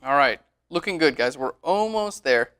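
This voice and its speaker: A man giving a relaxed, chatty screen-recorded tutorial on photo editing, often saying "all right". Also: fairly high pitch, normal speed, smooth.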